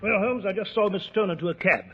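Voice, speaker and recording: An actor playing a bluff, puzzled doctor, a detective's genial, blustering companion, in a 1940s radio drama. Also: male voice, sits high, fast talker, close to an everyday voice. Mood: pondering. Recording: dull old radio recording.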